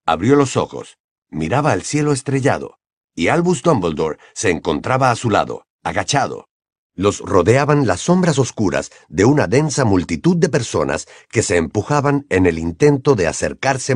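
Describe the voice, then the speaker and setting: Expressive male audiobook narrator. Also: lowish voice, dry recording, studio quality. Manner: expressive, dramatic reading. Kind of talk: scripted narration.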